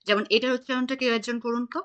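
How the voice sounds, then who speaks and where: A woman's voice: a little high, fairly even intonation, rapid-fire, a bit bright, muffled recording. A woman teaching an online German class, patiently quizzing her students on pronunciation over a video call.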